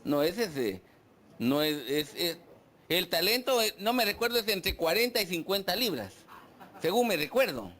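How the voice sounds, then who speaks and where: A man's voice: high voice, very animated, normal speed, fairly bright tone. A man preaching a sermon, putting questions to the congregation and acting out their complaints. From Guatemala. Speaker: pastor. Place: church.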